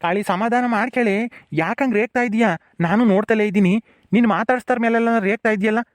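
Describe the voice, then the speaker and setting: A man playing a mild older village husband who tries to calm his wife. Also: high-pitched, quick pace, no room sound, studio quality, close to an everyday voice. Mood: placating.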